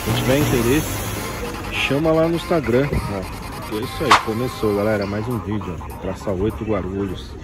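On the low side and at a moderate pace, a man with a Brazilian Portuguese accent vlogs his way through toy stalls at an outdoor street market. Holding a phone camera, he casually and eagerly shows off toys and keeps pointing things out. Music and traffic from the street come through in the recording.

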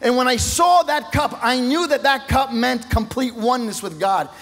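A male pastor delivers a sermon with fervor, his voice climbing loud and then falling to a hush. His voice sits high for a man. The sound rings with the long echo of a large church sanctuary. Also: moderate pace, soft background music. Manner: impassioned preaching, voice swelling and dropping low.

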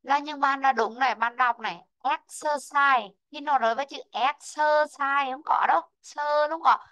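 A woman teaching an online English lesson, slowly modelling word stress and calling out students who answered right. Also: high-pitched, fairly bright tone, rough recording. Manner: slow, drawn-out model pronunciations of English words; calls out student names and marks answers right.

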